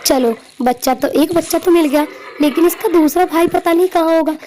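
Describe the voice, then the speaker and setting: High-pitched woman telling a doll story. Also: moderate pace, dark tone, slight background noise. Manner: dramatic, scolding. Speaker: storyteller voicing a doll mother. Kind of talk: doll-play story narration and voice acting.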